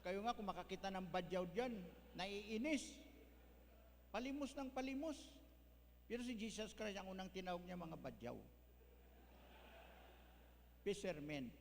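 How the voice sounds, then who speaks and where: A man's voice: high-pitched, normal speed, vocal fry, long pauses. A male pastor, preaching a folksy sermon that mixes in English words. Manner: folksy, mixes English, tags lines with "ano?". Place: church hall. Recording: echoey church hall, faint hum.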